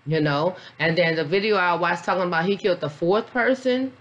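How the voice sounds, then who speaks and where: Slightly tipsy from a beer, a woman vlogger and mom gives a casual, blunt, profane reaction review of a documentary. Her rather low voice moves fairly quickly, she rambles with plenty of fillers, and the audio is dull.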